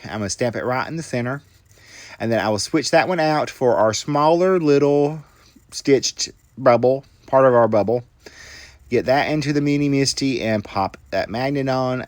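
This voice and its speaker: A man's voice: medium pitch, no echo. A middle-aged man, casually narrating a card-making tutorial with folksy, self-deprecating asides to his viewers. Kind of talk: casual crafting tutorial voice-over.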